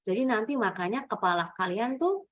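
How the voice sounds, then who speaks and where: A woman's voice: on the high side, lively intonation, normal speed, dull audio. A woman teacher running an online class for children, explaining step by step and exaggerating the rise and fall of her voice to show examples. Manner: patient, explains step by step with exaggerated rising and falling demos. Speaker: English teacher.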